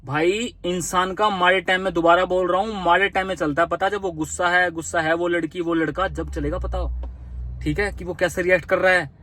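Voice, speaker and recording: A man's voice: high-pitched, steady tone, brisk, sharp tone. A young man giving earnest, big-brotherly relationship advice in a casual talk to the camera, acting out little dialogues as he goes.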